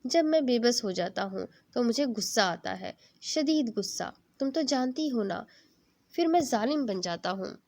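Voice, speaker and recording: A possessive, tender jinn lover, a young man who turns harsh when he feels helpless, read by a woman in her own fairly high voice. The lines come softly and intimately, from a storybook reading. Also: lively intonation, no echo.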